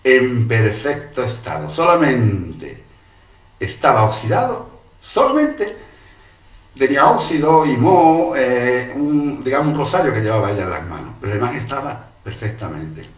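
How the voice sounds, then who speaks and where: A man telling a story in a dramatic, animated way and acting out the voices. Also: medium pitch, normal speed. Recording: roomy, distant mic.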